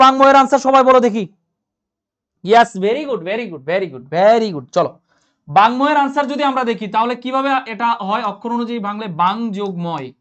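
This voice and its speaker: A man's voice: extremely high pitch, a bit bright, dull audio. A man teaching a live online grammar class, repeating each point and checking that everyone understood. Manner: reads out and answers viewer comments, repeats points, asks if clear.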